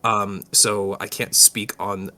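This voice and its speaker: A man's voice: fairly low pitch, slow pace, faint music behind. A man co-hosting a podcast, chatting casually and joking with friends, with many fillers. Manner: animated, joking, hesitant fillers. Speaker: podcast co-host. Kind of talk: casual chat.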